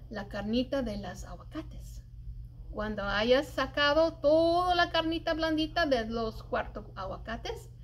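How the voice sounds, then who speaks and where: Reading a children's picture book aloud, a high-pitched middle-aged woman serves as the library storyteller in the children's room. She speaks expressively and deliberately, drawing out the words she emphasizes, over light background room noise.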